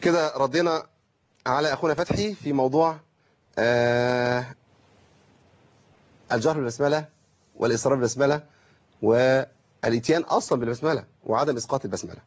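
A man with an Egyptian accent teaches Quran recitation during a call-in lesson, explaining through rhetorical questions and slowly drawn-out examples. His voice is medium-pitched, and the audio sounds dull.

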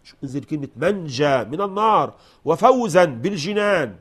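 A man teaching Quran recitation. He shifts between slow, melodic chanting of verses and quick spoken explanations of pronunciation. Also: on the high side, sing-song, breathy edge. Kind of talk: Quran recitation lesson with commentary.

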